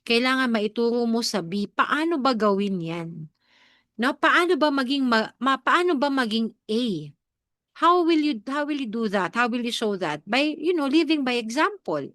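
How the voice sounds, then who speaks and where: A woman's voice: a little high, expressive, normal speed, a bit bright, no echo, clean studio sound. A woman with a Filipino accent giving a network marketing training talk live, mixing in English and asking her listeners questions, a bit congested from an allergy. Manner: coaching, asks the audience questions often; mixes Tagalog and English.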